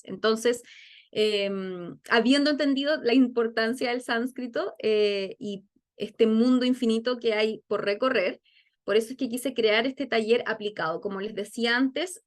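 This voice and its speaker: A young woman, teaching a webinar lesson on a video call, explaining patiently and often checking with "ok?". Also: on the high side. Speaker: yoga and Sanskrit phonetics teacher.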